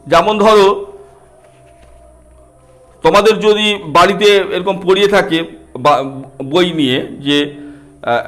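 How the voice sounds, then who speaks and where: A man's voice: high-pitched, a bit bright. A middle-aged man with a Bengali accent, patiently explaining a counting book to small children. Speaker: teacher and book author.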